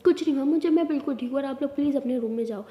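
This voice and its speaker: A woman's voice: sits high, racing, highs cut off, natural voice. A woman voicing a tired teenage schoolgirl who apologizes and later brushes off her parents' worry, in a storytelling reading. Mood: defensive. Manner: apologetic, drowsy, defensive. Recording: echoey room with long reverb.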